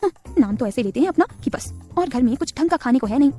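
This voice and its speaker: A woman's voice: high voice, expressive, fast talker, dark tone, faint music behind. A woman voicing a timid, innocent young woman who turns whiny and sulky when scolded.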